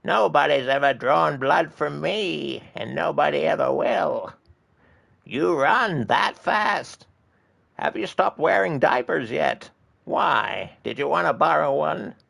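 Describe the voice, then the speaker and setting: Guy putting on a crackly old geezer voice, real slow, swoopy. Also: fairly high pitch, a bit bright, voice pushed up, heavily acted. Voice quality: gravelly creaky crackle. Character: creaky slow old man trading insults.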